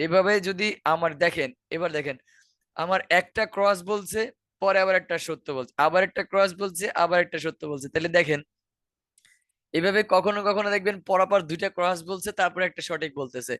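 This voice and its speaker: A Bangladeshi man runs an online exam-prep lesson, walking students through answers one step at a time and asking rhetorical questions. His voice sits a little high for a man, and the recording is dry and close. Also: a little fast, a bit bright, no echo. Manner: explains step by step, repeats key words, asks rhetorical questions. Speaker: IELTS teacher.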